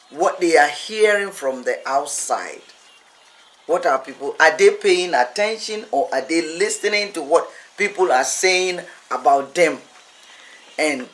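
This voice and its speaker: A man's voice: a little high, a bit bright. A man preaching a teaching sermon, speaking emphatically and repeating phrases for effect.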